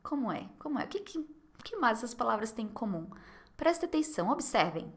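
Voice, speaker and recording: A young Brazilian woman with a Brazilian Portuguese accent who teaches French online, encouraging and repeating words slowly for learners to copy. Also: on the high side, sing-song. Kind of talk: online language lesson.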